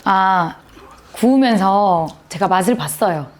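A woman's voice: medium pitch, animated, slow. A woman in casual comic banter, answering with blunt, exasperated retorts. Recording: loud music behind.

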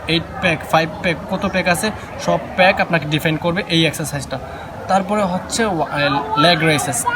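A man giving instructional workout narration as a fitness instructor, explaining things directly to the viewer. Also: fairly high pitch. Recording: loud urban ambient noise.

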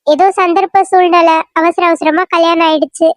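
A woman voicing a very high-pitched soothing aunt. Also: little pitch movement, moderate pace, no room sound. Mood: explaining. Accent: Kanyakumari Tamil. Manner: soothing, reasoning, patient. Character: mother-in-law, calm, soothing visiting relative. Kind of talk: cartoon serial voice acting.

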